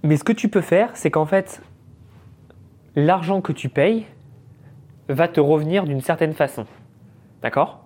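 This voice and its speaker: A man's voice: fairly high pitch, measured pace, long pauses, darkish tone. A man in his thirties from France, hosting a podcast and telling a story in a casual, chatty way, mixing English business words into his talk. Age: 30s. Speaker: podcast host.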